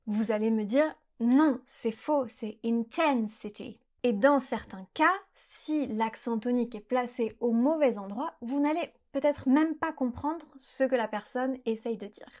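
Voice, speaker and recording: A young woman from France explains pronunciation pitfalls to her viewers in a fairly high, clear voice. She speaks carefully and slows right down whenever she models a sound. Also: darkish tone. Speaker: French teacher. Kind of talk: explanatory lesson to camera.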